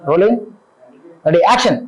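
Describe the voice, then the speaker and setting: A man directing an audition, giving quick, clipped instructions. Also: high voice, lively intonation, husky, rough recording. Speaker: casting director.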